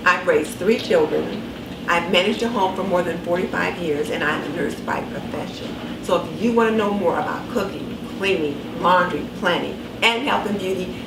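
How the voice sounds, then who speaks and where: A woman in her sixties chatting casually to camera in her kitchen, her speech slightly impeded by wearing dental retainers. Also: lowish voice. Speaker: vlogger. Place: home kitchen, indoors. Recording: roomy, distant camera mic with clear background noise.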